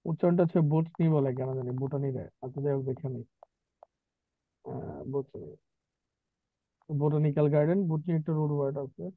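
Teacher over a tinny call. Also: male voice, on the high side, moderate pace, long pauses, no echo. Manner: repetitive, drills spellings and pronunciation, chatty asides. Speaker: English teacher. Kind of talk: online vocabulary class. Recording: tinny dry online call.

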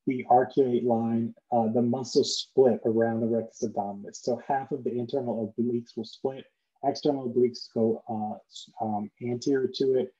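A man's voice: medium pitch, mellow. A man giving an online lecture in a casual explaining manner with lots of fillers, his voice muffled as if heard through a wall. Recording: dull, muffled lo-fi mic sound.

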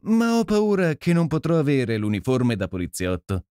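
A man's voice: mid-range voice, wildly swooping pitch, normal speed, dark tone, clear, resonant tone, no echo, clean studio sound, voice pushed up. A man reading an audiobook and voicing a cheeky young socialist journalist with a wry, gaily mocking manner. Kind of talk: audiobook character voice.

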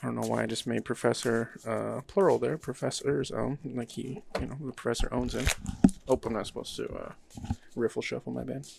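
With a steady, mid-range voice edged by vocal fry, a man hosts his channel and plays a card game, talking through it casually and a little fast. He thinks aloud in an easygoing way, though the audio is very noisy.

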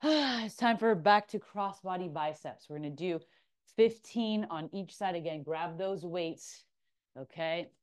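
Low-voiced woman coaching a workout. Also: a little slow, clear, resonant tone. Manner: counts reps aloud, upbeat coaching. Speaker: fitness instructor. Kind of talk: guided workout cueing.

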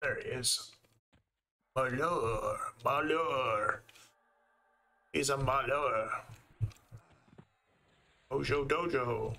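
A man's voice: mid-range voice, extremely slow, vocal fry, long pauses, sharp tone. A man with a Canadian accent giving easygoing live commentary while he plays a game and thinks aloud. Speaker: game streamer.

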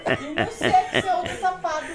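A woman's voice: very high voice, wildly swooping pitch, fast talker, over music. An older woman, a grandmother with a Brazilian accent, bantering and scolding casually at home, recorded off-mic. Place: living room.

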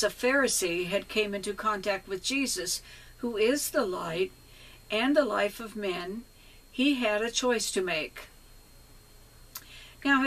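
Older female lay preacher, slow deliberate scripture reading, webcam in small home office, slightly distant. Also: mid-range voice, a bit bright. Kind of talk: sermon reading.

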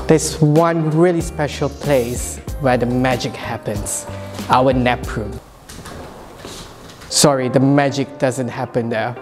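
A man's voice: medium pitch, a little mellow. A man guiding a walking tour of a coding campus, cheerful and welcoming with playful asides. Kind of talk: scripted walking tour narration. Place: large open-plan campus building indoors. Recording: music playing behind.

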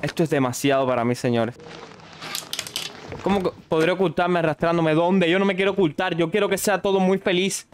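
A man's voice: high-pitched, brisk, slight background noise. Jumpy man streaming a horror game. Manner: jumpy, panicky, shrieks at scares. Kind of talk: live horror gameplay commentary.

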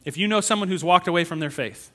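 A middle-aged pastor preaches an animated sermon in a high-sitting voice at a quick pace, slipping into whiny put-on voices to act out complaints.

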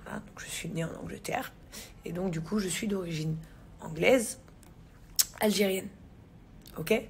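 This vlogger, a thirty-something woman born in England, speaks at a measured pace in a lowish voice, chatting casually to followers with plenty of slang, fillers and restarts. She films on a phone camera at arm's length in a large living room, and there's a slight hiss or hum.

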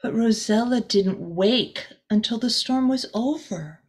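A middle-aged woman whose voice is a little high with a breathy edge reads a children's storybook aloud like a teacher. She speaks in a small room indoors, expressive and deliberate, adding small asides to the listeners.

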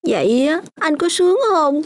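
A young orphan girl in a radio play, her voice pitched high. She speaks with stubborn, hurt insistence. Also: expressive, moderate pace. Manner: sulky, tearful insistence. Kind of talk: radio drama acting.

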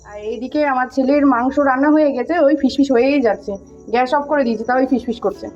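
A woman's voice: high-pitched, racing, darkish tone, lo-fi sound, faint music behind. A young adult woman chatting to viewers and showing off things around her home. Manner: chatty, listing items to viewers. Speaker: vlogger. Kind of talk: casual home vlog narration.

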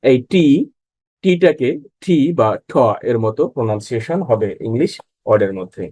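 A man teaching English pronunciation in a slow lesson. He reads example words one at a time and then explains how each sound is said. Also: mid-range voice, expressive, warm tone, dry recording, rough recording.

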